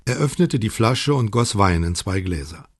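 A man reading a novel aloud in measured, even scripted narration. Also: fairly low pitch, husky, no room sound, clean studio sound. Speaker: audiobook narrator.

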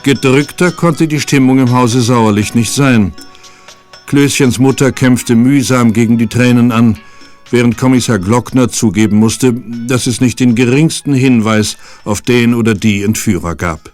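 A male narrator reading scripted narration in a measured, serious manner. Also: medium pitch, darkish tone, faint music behind.

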